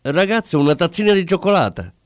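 Guy doing a fussy vain official in a storybook, high excitable shouty lines, dry close sound. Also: a little slow, no echo. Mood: cheerful. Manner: raised, exclaiming, higher than the narration.

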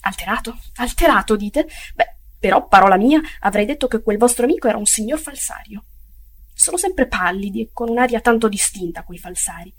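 Figure: fawning, chatty male prison food-seller, read by a woman. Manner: obsequious and gossipy, with loud, emphatic lines. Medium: audiobook. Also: on the high side, expressive, fairly quick, slight background noise.

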